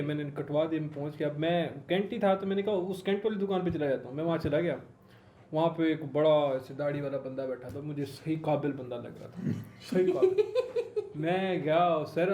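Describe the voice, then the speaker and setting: Man telling a story in an echoey room. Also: on the high side. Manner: animated anecdotal storytelling. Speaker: podcast panelist. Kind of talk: casual storytelling chat. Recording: echoey room with faint noise.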